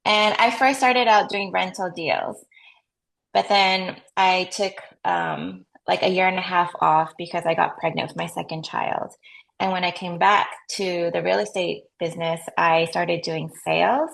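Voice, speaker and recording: Her voice is lowish and fairly bright, a touch slow and marked by vocal fry: a woman in her thirties from the United States, relaxed as a guest while describing her real estate work, with lots of "like" and small laughs in her casual interview answers.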